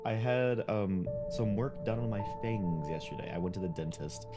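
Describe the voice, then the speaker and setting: A man's voice: fairly low pitch, expressive, moderate pace, music in the background. A man hosting a casual let's play, talking carefully with a sore jaw and a mouth that does not fully open. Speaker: gaming channel host.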